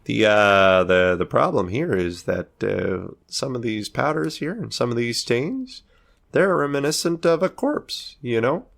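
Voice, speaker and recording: A man's voice: medium pitch, expressive, a little slow, creaky, fairly bright tone, voice pushed up. A man playing a flustered, folksy older guard investigator. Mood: folksy, hesitant. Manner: hesitant, repetitive, apologetic.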